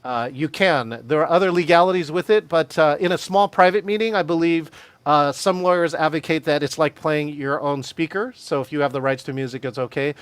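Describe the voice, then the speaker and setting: A man presenting a live video-call training session on virtual meetings, energetic, laughing often and calling on attendees by name. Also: fairly high pitch, brisk, smooth, no echo.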